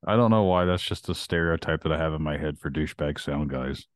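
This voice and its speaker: A deep-voiced man holds forth on a podcast in casual chat, blunt and full of swearing. His voice sits low. The sound is dry and close. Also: quick pace, no echo. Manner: blunt, profane ranting. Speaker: podcast host.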